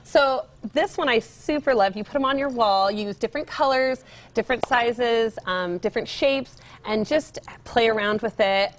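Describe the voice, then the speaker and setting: Young american woman, kinda high voice, casual upbeat tv guest showing decor tips. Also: normal speed, a little hiss or hum. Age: young adult. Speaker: guest home decor store representative. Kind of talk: casual TV demonstration interview. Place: TV studio set, indoors.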